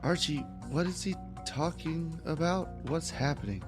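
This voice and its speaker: Male RPG player, fairly high voice, casual role-play banter with music clearly underneath. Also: measured pace. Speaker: tabletop game player.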